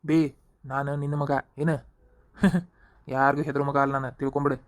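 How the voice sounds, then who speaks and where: A woman's voice: very deep voice, level tone, moderate pace. Woman doing a cocky young thief son. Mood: reassuring. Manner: cocky, calls his mother "bē". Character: brash young adult male thief, the elder son. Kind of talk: cartoon voice acting.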